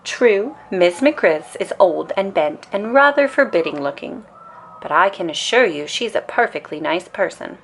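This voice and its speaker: A woman's voice: fairly low pitch, lively intonation, measured pace, a little hiss or hum. A woman voicing a sensible, reassuring mama bear from a storybook, patient and firm as she explains. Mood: protesting.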